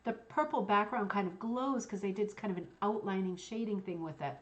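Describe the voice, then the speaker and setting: A woman's voice: medium pitch, brisk, highs cut off. A woman hosting like a chatty bingo caller, enthusiastic and gushing, with asides, repeats and bits read aloud in a casual way. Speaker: host of a hooked rug bingo show.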